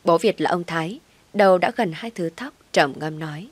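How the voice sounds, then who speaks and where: A woman narrating a family drama story in expressive audiobook style. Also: lowish voice, normal speed, no echo.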